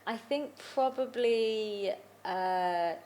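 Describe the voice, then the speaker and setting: A young woman, a fashion creator, speaking in a relaxed, earnest, conversational way. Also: on the high side, drawn-out words. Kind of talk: casual conversation.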